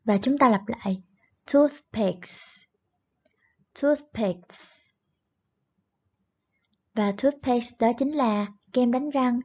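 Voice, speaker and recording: A woman teacher leads a children's online English lesson, patiently repeating each word twice and coaxing her pupils along. Her voice sits fairly high and unhurried, on a dull lo-fi recording. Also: warm tone. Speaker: primary school English teacher. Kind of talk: online lesson, explaining and drilling words.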